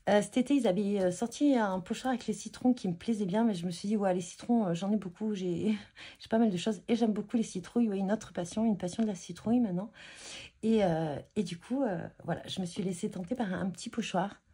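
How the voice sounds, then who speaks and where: This woman's voice is medium in pitch, mellow, and a bit breathy, and she talks fairly quickly. As a scrapbooking vlogger, she casually shows her craft buys, often hesitating and restarting amid fillers.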